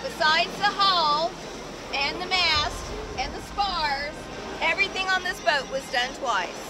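A woman with a very high voice makes a grateful little speech to a gathered crowd, taking her time and laughing between thanks. The crowd murmurs around her on the open beach. Wind noise comes through clearly. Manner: grateful, giggly, unhurried. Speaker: boat owner giving a christening speech. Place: outdoors on a beach among a crowd.

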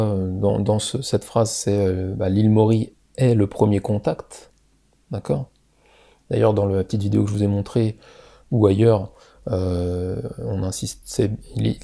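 Man, low gravelly dark voice, rambling casual explainer, lots of fillers. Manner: hesitant, many fillers, asks "d'accord?" often. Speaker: video creator.

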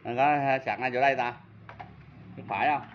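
A man's voice: mid-range voice, steady tone, fairly quick, a little hiss or hum. Man, southern Vietnamese accent, casual tool demo, chatty and self-mocking, muffled audio, faint ambience. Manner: chatty, self-mocking, talks straight to viewers. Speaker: seller of used power tools.

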